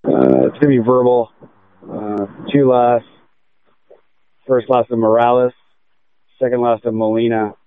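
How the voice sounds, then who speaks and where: A man speaks over a two-way radio in a low, level voice, reading off codes and phonetically spelled names. The transmission is tinny and dry, with no room sound. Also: no echo. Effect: heard over a two-way radio. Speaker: police officer. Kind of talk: police radio traffic.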